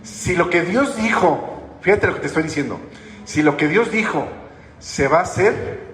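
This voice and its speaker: A man's voice: sits high, animated, moderate pace, fairly bright tone. A man preaching a sermon as pastor, in a conversational way that keeps asking the congregation questions. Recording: echoey hall with long reverb, faint noise.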